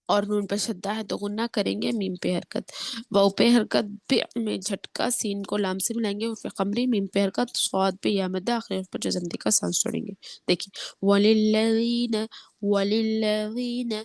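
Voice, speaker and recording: A woman teaching a Quran lesson with tajweed rules, her voice affected by a cold. She explains step by step, often checks in with her students, and chants the verses slowly. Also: medium pitch, steady tone, vocal fry, no echo, studio quality. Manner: slow drawn-out chanting when reciting verses.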